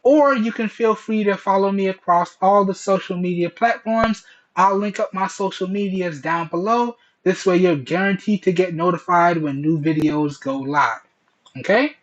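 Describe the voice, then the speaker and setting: A man with a fairly high voice talks like a casual tech reviewer addressing his viewers. His phrasing is colloquial and he keeps checking in as he explains. The sound is dull and lo-fi, captured on Bluetooth earbud headset microphones. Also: normal speed. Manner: colloquial, repeatedly checks in with "okay" and "all right". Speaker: tech reviewer, video host. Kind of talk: casual product test presentation to camera.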